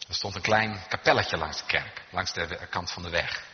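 A man preaching a sermon in a church, emphatic and swinging from hushed lines to loud calls, in a reverberant, dull recording. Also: low voice, normal speed. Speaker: pastor.

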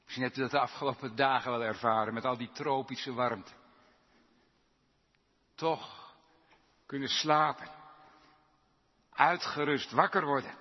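Slow, husky preaching man in a church. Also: mid-range voice. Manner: preaching with emphatic rises on quoted psalm lines. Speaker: pastor. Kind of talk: sermon. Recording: dull sound, long church reverb.

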